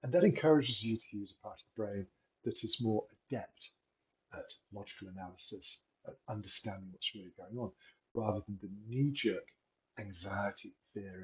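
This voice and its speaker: A middle-aged man giving a gentle, measured talk on wellbeing, encouraging and unhurried with frequent pauses. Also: on the low side, poor audio. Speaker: wellbeing presenter. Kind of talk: reflective solo talk.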